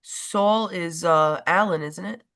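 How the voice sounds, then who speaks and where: A woman with a cold co-hosts a casual political livestream, her fairly low, fairly bright voice congested as she takes things slowly. She drifts from point to point, abandons sentences midway, and often laughs.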